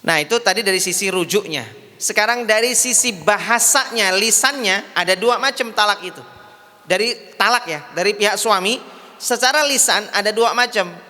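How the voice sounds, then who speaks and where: A man's voice: high voice, normal speed, pushed and bright. A man giving a religious lecture, patiently repeating points and checking that his audience understands. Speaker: Islamic preacher. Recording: hall reverb.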